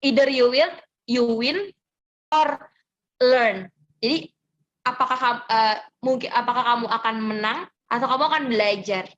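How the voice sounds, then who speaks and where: A young woman giving gentle, reassuring advice in a motivational sharing session, answering audience questions and mixing in English phrases. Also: fairly high pitch, measured pace, pauses often, highs cut off, slight background noise.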